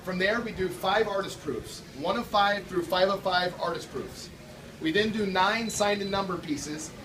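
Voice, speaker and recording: A man hosting a gallery event, giving a sales presentation to guests and repeating phrases for emphasis. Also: high-pitched. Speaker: gallery art dealer hosting a show opening. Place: gallery room at a live event. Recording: distant mic, noisy room.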